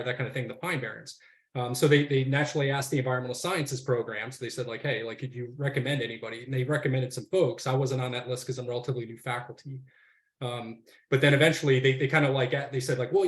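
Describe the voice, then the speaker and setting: Fast-talking man in an echoey room. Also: medium pitch. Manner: rambling, many fillers and restarts. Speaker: university forestry faculty panelist. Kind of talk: casual webinar talk.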